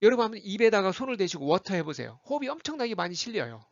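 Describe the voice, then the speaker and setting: An animated male teacher who walks through pronunciation drills, saying each example word again and again with a lively, swooping pitch. The sound is dry and a little muffled, as if recorded close to the mic in a dead room. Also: very fast, dry recording. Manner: animated, repeats example words many times for the listener to copy. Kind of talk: spoken English lesson with repeated drills.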